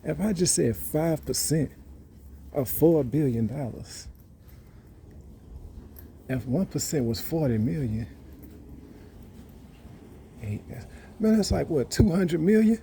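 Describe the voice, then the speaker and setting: A man's voice: on the high side, expressive, takes it slowly, vocal fry, pauses often, warm tone, a little hiss or hum. A man, rambling and boasting in a casual monologue that repeats itself. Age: 30s. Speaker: vlogger.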